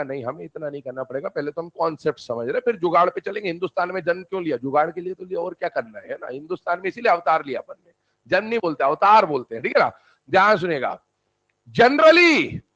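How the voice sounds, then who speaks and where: A man teaching a chemistry lesson in a lively lecturing manner, putting questions to students and answering them himself. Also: high voice, highs cut off. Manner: animated, calls students "beta", answers his own questions. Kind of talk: classroom lecture.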